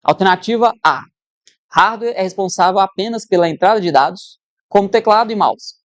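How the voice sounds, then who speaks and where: A woman's voice: medium pitch, brisk, dry recording, studio quality. A woman teacher giving an exam-prep lesson, conversational, who keeps checking in with her students.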